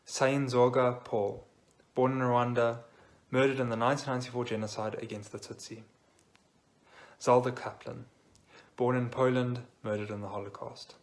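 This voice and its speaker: Young man solemnly reading names. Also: mid-range voice. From South Africa. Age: young adult. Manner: measured, even recitation. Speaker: memorial reader.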